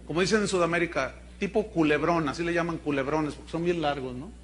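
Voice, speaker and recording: A man with a Mexican accent preaching a sermon in a lively, colloquial, storytelling way. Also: a little high, fast, slight background noise. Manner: animated, colloquial, humorous storytelling. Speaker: pastor.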